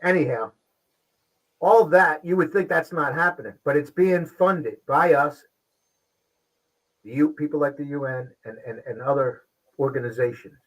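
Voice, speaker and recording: A man hosting a casual livestream show, talking with frequent pauses and restarts. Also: fairly high pitch, low-quality recording. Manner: halting, pauses and restarts often. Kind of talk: casual live-stream talk.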